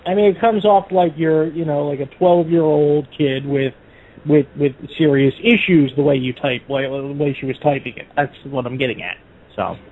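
A man with a husky, raspy voice trades dry quips in a casual chat. He sounds tinny and narrow, as if he is coming through a phone line. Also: fairly high pitch, moderate pace. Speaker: podcast co-host.

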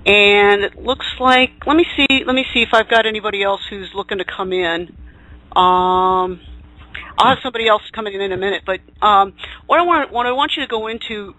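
Talk show host, bright forceful tone, group call-in chat, showman introductions. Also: mid-range voice, a little fast, low-quality recording.

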